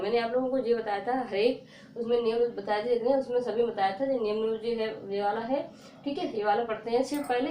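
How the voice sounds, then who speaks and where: A woman's voice: a little high, dark tone. A woman teaching a phonics lesson to children, patient and repetitive, asking questions and answering them herself. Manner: patient, repeats words and asks questions. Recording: echoey room with faint noise.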